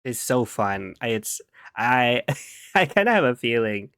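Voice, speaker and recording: On a live stream, a man chats casually with viewers, giggling playfully and humming and scatting to himself as he works between remarks. His mid-range voice is very animated yet unhurried, with a fairly bright, clean tone in a dry, clean studio recording.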